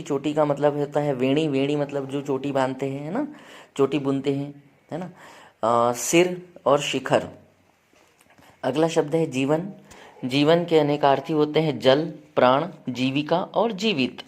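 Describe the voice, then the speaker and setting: Hindi teacher drilling word meanings. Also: male voice, a little high, fairly even intonation, measured pace, darkish tone. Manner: listing word meanings, addresses students as beta; frequent checks like "है ना" and "ठीक है". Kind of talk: exam-prep grammar lesson.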